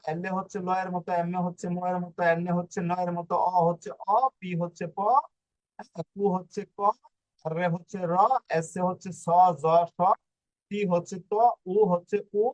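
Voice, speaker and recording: A man teaching an online language lesson, explaining slowly with many fillers and restarts. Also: high-pitched, poor audio.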